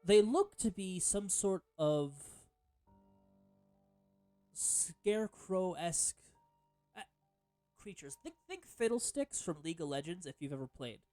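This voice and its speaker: A man's voice: high voice, animated, a little slow, long pauses, warm tone, faint music behind. A man narrating as game master of a tabletop game, rambling with many fillers and self-corrections.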